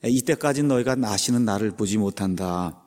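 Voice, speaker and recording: A man's voice: on the low side, fairly quick, a little mellow. A male pastor giving a sermon in a teaching tone, posing questions to his listeners and answering them himself.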